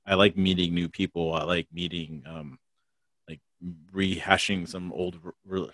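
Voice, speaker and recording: A man with a very low voice hosts a casual podcast chat. He rambles loosely, circling back with fillers and restarts. The sound is dry and close, with no room in it. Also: steady tone, measured pace, a bit bright, dry recording. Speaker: podcast host.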